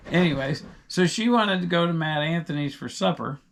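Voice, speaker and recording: A middle-aged man with a gravelly, slightly raised voice chats loosely on a podcast. He rambles through his stories, sidetracking himself before circling back to the point. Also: a little high, moderate pace, fairly bright tone. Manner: rambling, digressive storyteller. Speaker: podcast co-host. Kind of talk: casual chat.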